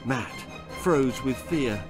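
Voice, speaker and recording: Slow yet animated, a medium-pitched male voice narrates a children's horror-comedy the speaker wrote himself, building drama and suspense. Music plays in the background of this scripted, spooky, darkly comic reading.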